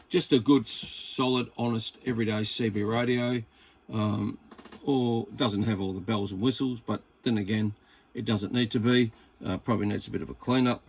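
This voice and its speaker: This lower-pitched Australian voice has vocal fry and comes through a rough recording. The man demonstrates equipment for a hobby video, talking in a relaxed, hesitant, rambling manner.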